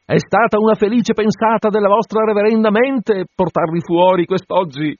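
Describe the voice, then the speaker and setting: A man voicing a sly, fawning parish clerk who giggles and flatters, in a dull, dry recording. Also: high voice, moderate pace, dry recording, pitched above the performer's own voice, natural voice.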